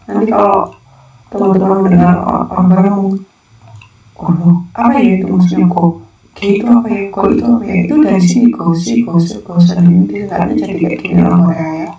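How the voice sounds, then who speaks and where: A teacher with a gravelly, mellow voice talks through a casual lesson, relaxed and repetitive. The sound is roomy and a little distant from the mic. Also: medium pitch, highs cut off. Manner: relaxed, chatty explaining with frequent repetition. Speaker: Korean language teacher.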